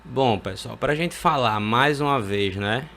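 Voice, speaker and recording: A Brazilian man teaching physics in an easygoing classroom manner, his voice sitting at an ordinary middle pitch. He talks through each step as he draws, often tossing in quick questions to keep his viewers with him. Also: a bit bright, a little hiss or hum. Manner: conversational, checks in often with rhetorical questions and tag words. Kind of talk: casual explanatory lesson at a whiteboard.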